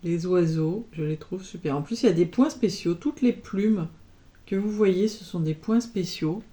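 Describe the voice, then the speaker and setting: A woman's voice: on the low side, moderate pace, mellow. A woman chatting casually as an embroidery vlogger, showing her projects and peppering her talk with little interjections. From France. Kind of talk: casual show-and-tell chat.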